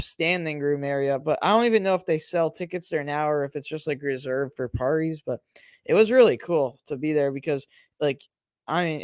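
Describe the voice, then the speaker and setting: High-voiced excitable young Cubs fan. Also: male voice, no echo. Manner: rambling, excitable, lots of fillers and laughs. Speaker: podcast co-host and Cubs fan. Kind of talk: casual play-by-play chat during a watch party.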